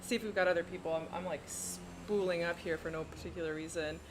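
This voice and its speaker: Speaking quickly in a lowish, steady voice over background noise, a woman with a French Canadian accent runs a flight sim livestream. She keeps the chat casual while flying, often giggling and explaining each cockpit step.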